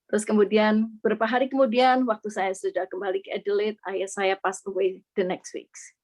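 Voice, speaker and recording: A woman's voice: medium pitch, flat delivery, fairly quick, a little mellow. A middle-aged woman from Indonesia earnestly sharing a personal faith testimony, slipping English words into her speech.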